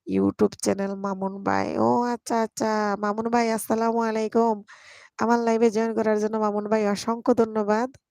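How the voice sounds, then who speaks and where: A woman's voice: medium pitch, creaky, a little mellow, no room sound. A young woman hosting a casual live stream on her phone, greeting viewers one by one by name, affectionate and playful.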